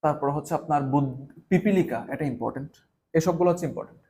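A man from Bangladesh runs an exam-prep lesson at a quick clip. He speaks straight to his students and hammers home key points through repetition. His voice sits a little higher than most men's. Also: warm tone. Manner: repetitive, emphatic, addresses students directly. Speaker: exam tutor.

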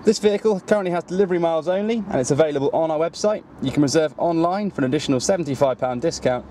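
Brisk Welsh car salesman, forecourt walkaround. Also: a little high, warm tone, a little hiss or hum. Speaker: car salesman presenting a vehicle. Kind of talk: scripted walkaround presentation. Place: outdoor car dealership forecourt.

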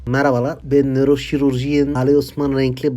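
A man's voice: mid-range voice, completely flat delivery, brisk, dark tone, natural voice. A man playing a self-important neurosurgeon in a comedy sketch, smugly calling himself a genius.

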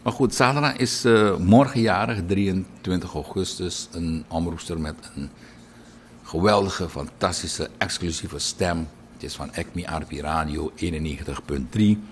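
Deep-voiced man reading birthday wishes. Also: unhurried, slight background noise. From Suriname. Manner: chatty, lively, digresses into anecdotes. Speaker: radio and TV presenter. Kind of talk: birthday announcements on broadcast.

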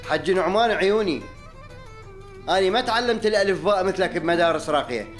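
A man's voice: sits high, lively intonation, quick pace, faint music behind. A man with an Iraqi accent playing a cheeky, complaining taxi-office worker in a comic sketch. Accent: Iraqi Arabic.

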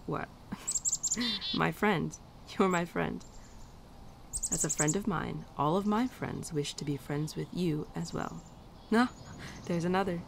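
Against birdsong, a light outdoor ambience and a noisy background, a woman voices a low-voiced female winter spirit who is a fond old friend. The girlfriend ASMR monologue is heavily acted and creaky, soft, tender and playful, frequently dropping almost to a whisper with an affectionate mood.

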